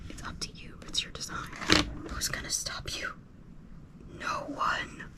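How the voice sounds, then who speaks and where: Hushed, whispering woman rambling casually. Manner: casual slangy speech. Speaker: ASMR creator. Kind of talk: soft whispered ASMR ramble, casual chat.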